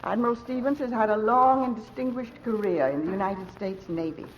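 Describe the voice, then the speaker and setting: A woman speaking in a formal, measured way as mistress of ceremonies, captured on an old broadcast transcription disc. The sound is dull and lo-fi, with the long echo of a large hotel ballroom and a faint hiss underneath. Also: medium pitch. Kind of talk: formal luncheon speech introducing a speaker.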